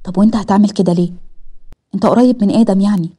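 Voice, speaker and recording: A woman's voice: mid-range voice, rapid-fire, dark tone, slightly rough, close to an everyday voice. A woman with an Egyptian accent voicing a scheming, jealous young woman who talks sharply and dismissively. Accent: Egyptian Arabic.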